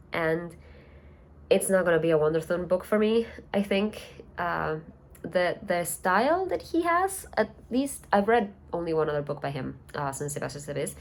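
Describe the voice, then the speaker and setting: Young woman w a low voice just chatting at home, thinking out loud, bit of hiss behind. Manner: rambling, thinking aloud with soft laughs. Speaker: book vlogger. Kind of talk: casual vlog chat. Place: at home at night.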